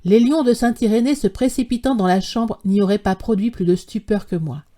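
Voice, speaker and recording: A woman narrating a classic short story as an audiobook, in a measured, literary reading style. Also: medium pitch, dark tone.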